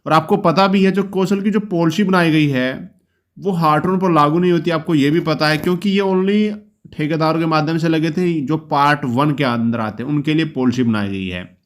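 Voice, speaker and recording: A man hosting his own channel, talking through a job policy in an informal, reassuring way and often closing a point with a quick check-in. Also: on the high side. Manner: explanatory, reassuring, often ends points with "ठीक है". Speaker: YouTube channel host explaining job policy. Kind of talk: informal explainer talk.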